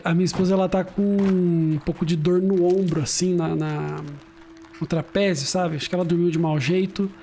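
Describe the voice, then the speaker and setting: A man's voice: sits high, warm tone, a little hiss or hum. Chatty laughing man streaming a game. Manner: chatty, laughing, slangy storytelling. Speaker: gaming streamer. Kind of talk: casual let's-play commentary. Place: home.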